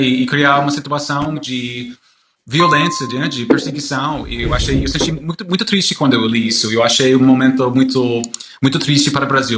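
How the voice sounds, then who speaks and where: A man with an American English accent in Portuguese, a native English speaker, answering in an interview and haltingly searching for words. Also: mid-range voice, very noisy. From United States. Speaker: journalist being interviewed. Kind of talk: spoken interview. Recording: echoey room.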